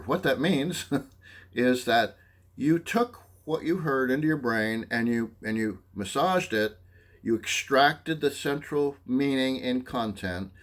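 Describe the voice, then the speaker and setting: A man teaching a psychology lesson, explaining listening skills, often checking in with "okay?" and acting out short examples. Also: medium pitch. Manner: animated, acts out examples. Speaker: psychology instructor. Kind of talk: lecture.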